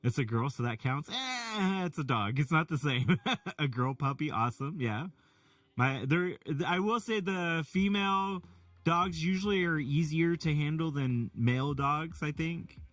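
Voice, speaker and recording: A middle-aged man chatting casually while reading out chat, rambling and animated with many restarts. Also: on the high side, normal speed, no echo, recorded from a distance. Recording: from the mic, faint music behind.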